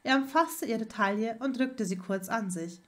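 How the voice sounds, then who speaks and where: A woman's voice: on the high side, normal speed. A woman narrating a fan fiction story as an audiobook reader.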